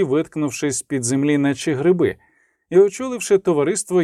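A man reading an audiobook as narrator, with lively dramatic emphasis and the dialogue lines voiced. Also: on the high side, no room sound, clean studio sound. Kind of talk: scripted narration.

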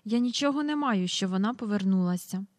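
A woman doing a quick, gossiping cook. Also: medium pitch, expressive, no room sound, studio quality, lightly acted. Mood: confiding. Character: gossiping middle-aged female cook. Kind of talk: audiobook character reading.

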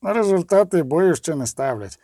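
A boastful, portly middle-aged merchant, as a male reader puts him on, speaking smugly in a high, lively voice. The recording is dry and close. It is a storybook reading. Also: moderate pace, dry recording.

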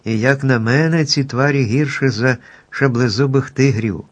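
A man's voice: medium pitch, normal speed, pitched above the performer's own voice, natural voice. A man voicing a cowardly shaggy male lion who grumbles nervously in a storybook reading. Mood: fretful.

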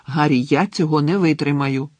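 A man's voice: a little high, moderate pace, a little mellow, no echo, close to an everyday voice. A man voicing a moody, lovesick teenage boy who sighs and pleads in anguish, reading a storybook aloud.

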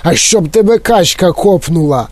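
A man voicing an eccentric, excitable older male chocolatier, fussy and indignant in an audiobook. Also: sits high, normal speed, no room sound, pitched above the performer's own voice. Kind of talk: audiobook character voice.

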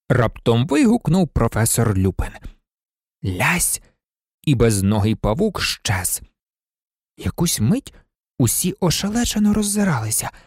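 A reader narrating a storybook expressively, with pitch shifting for drama. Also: gravelly, a little mellow, no room sound, clean studio sound. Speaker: audiobook reader.

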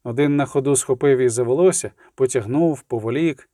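A man reading a dramatic story as an audiobook narrator, with steady, vivid storytelling. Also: medium pitch, brisk, no room sound, clean studio sound.

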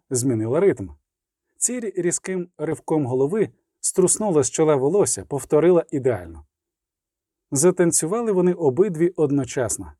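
A man's voice: fairly high pitch, dark tone, dry recording, clean studio sound. A man narrating a fantasy audiobook in a vivid, rhythmic reading style. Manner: vivid, rhythmic, building pace in the action. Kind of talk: scripted fiction narration.

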